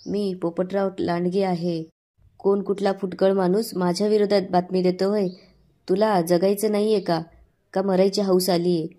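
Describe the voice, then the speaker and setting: A bullying local strongman from a TV serial makes threats, as a woman narrator reads his lines. He sounds menacing, yet the voice stays level and dark in tone. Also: medium pitch, little pitch movement, normal speed, natural voice. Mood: threatening.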